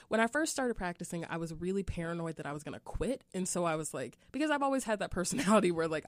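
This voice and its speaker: Woman, yoga teacher and author, open and emotional, slightly low voice, close dry mic. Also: dry recording. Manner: candid, emotional, laughs while talking. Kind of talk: conversational interview.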